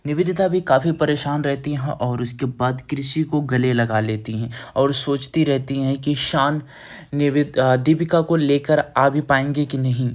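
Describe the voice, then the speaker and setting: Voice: medium pitch, fairly even intonation, unhurried. A narrator casually retelling a TV serial's plot, chaining events with repeated linking phrases and hesitant fillers. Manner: hesitant, with fillers and self-corrections. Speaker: recap narrator.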